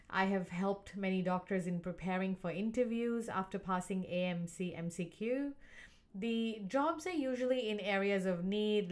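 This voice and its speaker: A woman from Uganda who hosts her own channel, explaining a career process in a clear, earnest and steady way. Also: mid-range voice. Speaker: channel host and doctor coaching for medical exams. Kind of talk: explanatory talk to camera.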